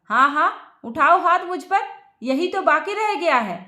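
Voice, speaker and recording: A woman's voice: sits high, animated, unhurried, reverberant, exaggerated voice. Divya, a woman playing a furious young wife. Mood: angry. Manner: shouting, accusing. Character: angry young wife, sharp-tongued and accusing.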